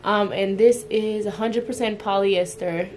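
A young woman vlogs from her bedroom, chatting casually as she cleans and sorts. She exclaims at the mess and talks straight to her viewers. Her voice sits at a middle pitch, with a faint hum of noise behind it, picked up by a camera resting on the bed. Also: fairly even intonation, a little slow, darkish tone. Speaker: vlogger. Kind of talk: casual chat. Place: bedroom at home.

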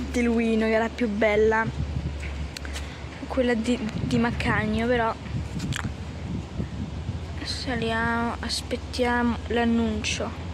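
A woman giving casual, halting vlog commentary on a phone at an outdoor railway station, often trailing off. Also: a little high, noisy background. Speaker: train-spotting vlogger. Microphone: handheld phone, speaker off camera.

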